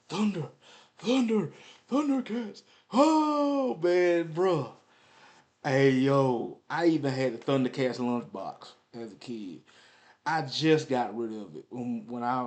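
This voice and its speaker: A man's voice: mid-range voice, darkish tone. A man in his forties reminiscing casually on a vlog, rambling in slangy talk and often repeating himself. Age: 40s. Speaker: vlogger. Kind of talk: casual nostalgic storytelling.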